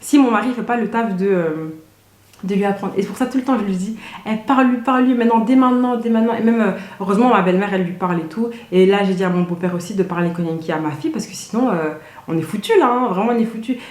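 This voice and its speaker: A young woman chats to her camera in a relaxed, slangy vlog style. She keeps circling back with fillers and restarts, her pitch sitting in an ordinary middle range. The room around her rings with a noticeable echo. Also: fast. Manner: chatty, loose, slangy, many fillers and restarts. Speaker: vlogger. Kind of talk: casual chat to camera. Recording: roomy echoey room.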